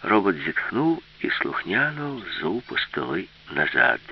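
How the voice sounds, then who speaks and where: A man reading a story aloud, his voice low, gravelly and husky. His pitch rises and falls freely as he tells it. The recording is dull and lo-fi. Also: a little slow, slight background noise. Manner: expressive storytelling. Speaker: audiobook narrator. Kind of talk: scripted narration.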